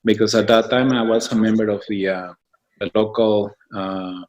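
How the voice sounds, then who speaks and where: Man, halting and thoughtful. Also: on the low side, steady tone, a little mellow, muffled recording. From Mexico. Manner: thoughtful, many fillers and restarts. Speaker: guest, founder of a business association. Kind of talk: interview answers.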